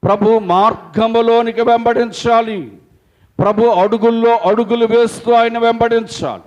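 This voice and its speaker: A middle-aged male pastor preaching a sermon, slow and emphatic, often sinking to a low voice at the ends of his lines and calling his listeners children of God. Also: steady tone, a little mellow, dull audio.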